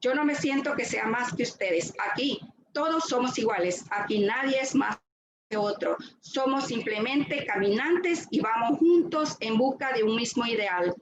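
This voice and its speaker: A woman's voice: on the high side, moderate pace. A woman giving a faith testimony at a retreat, speaking earnestly and often repeating words as she finds them. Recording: echoey room with noise.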